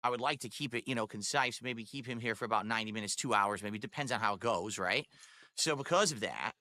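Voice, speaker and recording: A man hosting a livestreamed podcast, explaining things to viewers in a deliberate, emphatic way. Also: fairly low pitch, pushed and bright, dry recording. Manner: deliberate, emphatic, checking in with "all right". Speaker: podcast host and streamer.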